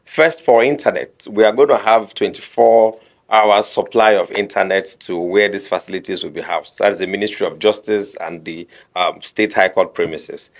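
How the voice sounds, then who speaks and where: A man, a radio guest explaining a court technology program with lively anecdotes. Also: on the low side, normal speed.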